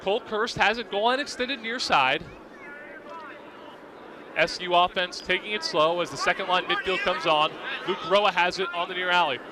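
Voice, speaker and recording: A young man with a voice that sits high calls live radio play-by-play at a normal speed, using clipped, vivid present-tense descriptions. The announcer is broadcasting outdoors, and background noise is clearly audible.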